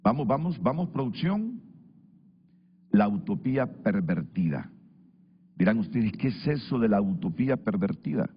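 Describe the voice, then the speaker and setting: A man moderating a televised panel discussion, addressing viewers directly in an animated, promotional way. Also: fairly low pitch, normal speed, long pauses, slightly rough. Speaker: TV talk show moderator. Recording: dull lo-fi broadcast audio.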